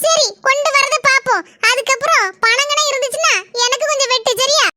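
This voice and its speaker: A woman voicing bickering village family members in a cartoon comedy, with a Kanyakumari Tamil accent and quick teasing, scolding banter. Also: extremely high pitch, steady tone, very noisy. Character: squeaky village women and men of a bickering family.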